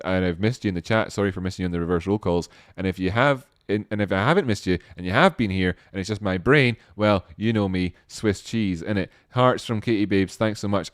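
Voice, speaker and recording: A man's voice: on the low side, dry recording, clean studio sound. A man hosting a live stream, casually thanking viewers by name in a rambling, self-deprecating way with many restarts.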